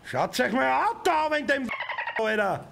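A young man with an Austrian accent commenting on a driving game from his home setup, who often shouts and swears at other drivers. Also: very high voice, very animated, moderate pace, gravelly. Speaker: gaming streamer. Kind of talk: let's play commentary. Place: home gaming room. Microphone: desk mic with headset.

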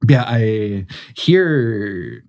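A young man from Bermuda, a podcast guest, telling stories in a relaxed way, full of "like" and "um". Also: on the low side, very slow. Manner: relaxed storytelling, heavy use of "like" and "um". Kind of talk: casual conversational interview.

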